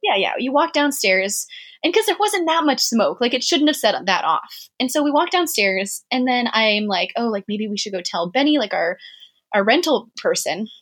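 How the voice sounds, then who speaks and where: A woman telling a story in casual chat, animated and laughing often, with many fillers. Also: on the high side, moderate pace, husky.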